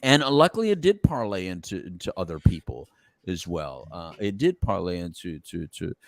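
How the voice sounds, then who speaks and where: Deep-voiced lively middle-aged man. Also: moderate pace, no room sound, studio quality. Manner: animated, laughs often, rambling with restarts. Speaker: podcast host. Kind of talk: casual chat.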